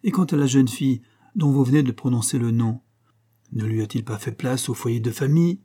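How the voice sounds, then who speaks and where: A man's voice: medium pitch, brisk, mellow, breathy edge, lightly acted. A man voicing an earnest young Frenchman who argues with fervent rhetorical questions in a read-aloud novel.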